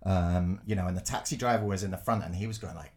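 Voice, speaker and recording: Guy on a podcast, lowish voice, tells stories, does little voices, swears and laughs a lot. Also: fast. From Glasgow, Scotland. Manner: animated, acts out quotes, laughs often, swears. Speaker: podcast co-host and design teacher. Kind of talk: casual storytelling chat.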